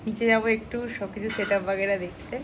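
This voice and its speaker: A woman's voice: medium pitch, level tone, fast, crowd noise. A young woman chatting casually to camera in a vlog, confiding and talkative. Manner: chatty, confiding, speaking softly while eating. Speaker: vlogger.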